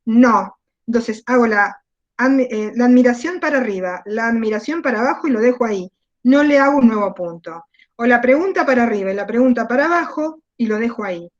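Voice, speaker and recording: A woman's voice: fairly high pitch, animated, a little fast. A woman teacher with an Argentine Spanish accent giving an online class, asking questions and repeating key words. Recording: dull lo-fi video call audio.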